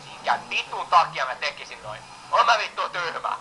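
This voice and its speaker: A woman's voice: low voice, very animated, sharp tone, slight background noise, poor audio. A young woman playing a horror game while chatting casually, swearing constantly and yelping when startled. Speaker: game player. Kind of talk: casual let's-play commentary.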